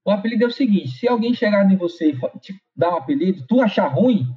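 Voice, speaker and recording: High-voiced São man giving encouragement. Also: expressive, quick pace. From São Paulo, Brazil. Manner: conversational, repeats phrases and tags with "né". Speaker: motivational speaker. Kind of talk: motivational talk with personal anecdote. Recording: slightly dull lo-fi recording.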